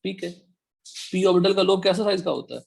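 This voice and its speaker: A man teaching an online chemistry class, firing quick questions at his students to check they follow. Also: high voice, gravelly. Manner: quizzing students with rapid questions. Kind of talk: online chemistry class, Hindi mixed with English.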